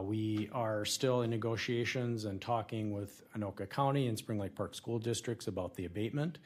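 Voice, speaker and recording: A man speaking as a city department director, giving a formal, explanatory presentation to a council. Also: mid-range voice. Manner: explanatory, procedural. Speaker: city community development director. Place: council meeting room.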